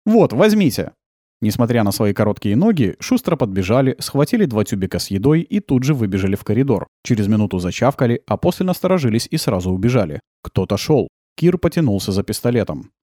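Mellow guy reading a sci-fi audiobook, lively pitch, dry close mic. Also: fast talker, hardly any pauses, dry recording. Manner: calm, even storytelling, brightening for dialogue. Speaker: narrator. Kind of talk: audiobook narration.

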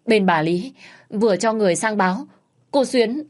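A woman's voice: mid-range voice, expressive, moderate pace, darkish tone, voice pushed up, lightly acted. A woman voicing a panicked young male servant who stammers out bad news. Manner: stammering, frantic.

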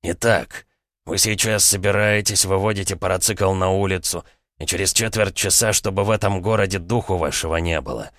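A man's voice: low-pitched, fairly quick, a bit bright, no room sound, studio quality. A man voicing a stern older prince who gives curt, menacing commands to his son. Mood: cold, scolding. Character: stern, cold older male prince, a father.

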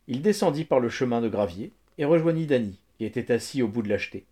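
Mellow-voiced male storyteller. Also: medium pitch, lively intonation, fast. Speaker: audiobook narrator. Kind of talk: scripted narration.

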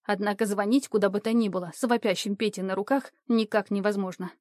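A woman reading an audiobook in even, measured scripted narration. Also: mid-range voice, dry recording, clean studio sound.

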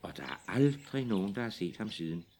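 A man reading fairy tales aloud for small children in a lively, expressive way. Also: fairly low pitch, heavy background noise. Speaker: storyteller.

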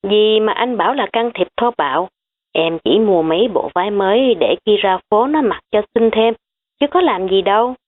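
A woman's voice: medium pitch, animated, normal speed, voice pushed up, natural voice. Woman reading a bossy middle-aged aunt barking orders, tinny phone-like audio. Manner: commanding, scolding.

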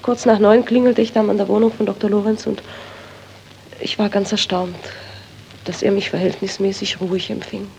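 An actress playing a grieving widow tormented by guilt, earnest and sorrowful, in 1930s radio-drama acting. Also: female voice, mid-range voice, flat delivery, normal speed, creaky, a little mellow, a little hiss or hum, lightly acted. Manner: earnest, sorrowful, turns to anguished pleading. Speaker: doctor's friend's widow.

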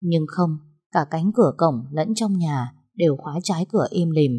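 Low, mellow woman narrating a story. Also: breathy edge. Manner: calm, measured reading.

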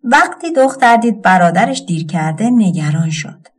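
A woman narrating a folk tale audiobook with an expressive storytelling cadence. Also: mid-range voice.

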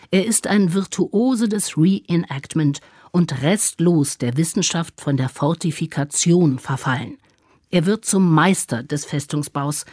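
Calm radio presenter reading a script, dry studio sound. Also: mid-range voice, dry recording.

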